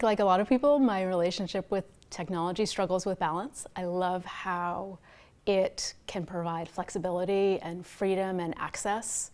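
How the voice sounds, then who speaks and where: A middle-aged woman from Rhode Island, a town finance director, speaking in a measured, thoughtful award testimonial. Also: lowish voice, darkish tone. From Block Island, Rhode Island.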